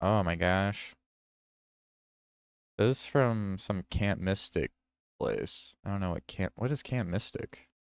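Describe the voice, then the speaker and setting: Low slow man reading news on stream. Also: gravelly, smooth, no room sound. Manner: reads headlines aloud with reactions and self-corrections. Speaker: livestream host. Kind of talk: casual livestream news reading.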